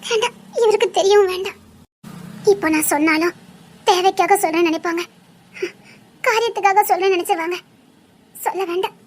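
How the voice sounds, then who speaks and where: A woman's voice: very high-pitched, brisk, long pauses. A woman voicing a frightened young woman on the run in an audio drama, speaking with a Tirunelveli Tamil accent in an anxious, pleading way that often sounds close to tears.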